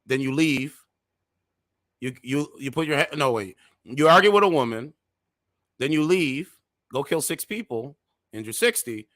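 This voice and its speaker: A man's voice: medium pitch, animated, measured pace, long pauses, fairly bright tone, no echo, studio quality. Heated man in his thirties lecturing. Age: 30s. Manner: heated, preachy lecturing with sudden outbursts. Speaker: commentary channel host. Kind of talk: reaction commentary.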